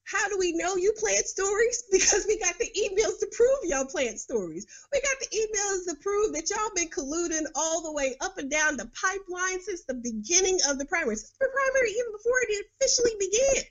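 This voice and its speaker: A middle-aged New York woman hosts a podcast, delivering a casual monologue of blunt, sarcastic political commentary punctuated by frequent laughs. Her voice is very high-pitched with lively intonation, fairly quick and with few pauses.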